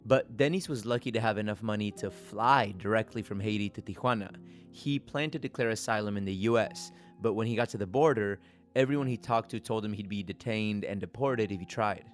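A man reporting and hosting, telling a documentary story in a steady, earnest way. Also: fairly low pitch, fairly quick, faint music behind. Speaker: podcast reporter and host. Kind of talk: documentary podcast narration.

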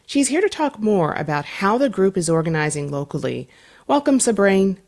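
Introducing her guest and a news story, this public radio interview host speaks in a measured, formal newsreader style. Her mid-range voice is a little mellow and swings widely in pitch.

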